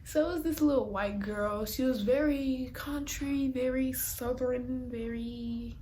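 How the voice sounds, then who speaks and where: A young woman vlogger telling a casual storytime, animated and laughing, with dramatic whispered asides. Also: sits high, measured pace, slight background noise.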